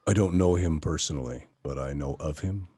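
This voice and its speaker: A middle-aged man talking casually as an interview guest, pausing often with fillers and restarts. His voice is low and husky. The sound is dry and close. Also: dry recording. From Tucson, Arizona area. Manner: relaxed, hesitant, many fillers and restarts. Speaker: voice actor guest.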